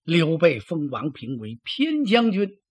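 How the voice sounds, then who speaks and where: A man, telling a traditional story with animated, dramatic delivery and a husky voice. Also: fairly high pitch, unhurried. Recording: dull lo-fi recording.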